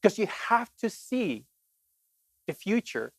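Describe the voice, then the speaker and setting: A middle-aged man from Colombia giving an animated, emphatic talk to an audience as a keynote speaker, often saying "basically". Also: sits high, slow pace, gravelly, slightly rough, dry recording.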